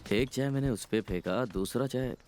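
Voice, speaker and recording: A young actor dubbing a cheeky tea boy on the run, quick and wisecracking. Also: mid-range voice, loud music behind the voice, close to an everyday voice. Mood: plotting. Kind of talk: Hindi film dub.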